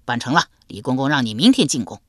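A woman's voice: very deep voice, big pitch swings, fast talker, dry recording, studio quality, heavily acted. A woman voicing a confident, blustering middle-aged man. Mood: hearty. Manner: assured, blustering.

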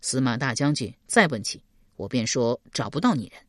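A woman voicing an earnest young man who speaks softly and politely. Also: a bass voice, big pitch swings, moderate pace, no echo, clean studio sound, voice pushed down, full character voice. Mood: gentle, earnest. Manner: soft and polite.

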